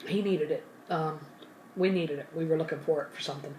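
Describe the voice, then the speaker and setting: A deep, brisk, slightly mellow woman's voice recorded from a distance, with a little hiss or hum and faint roomy ambience. She hosts an ASMR channel and tells a casual, wandering story while eating, sometimes speaking through a full mouth and correcting herself.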